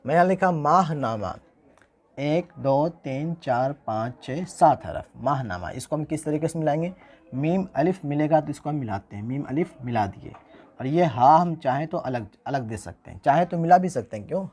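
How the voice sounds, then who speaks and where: A man's voice: on the high side, darkish tone. A man teaching how to write words, spelling them out letter by letter and repeating each word as he goes. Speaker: Urdu writing teacher. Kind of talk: spoken writing lesson.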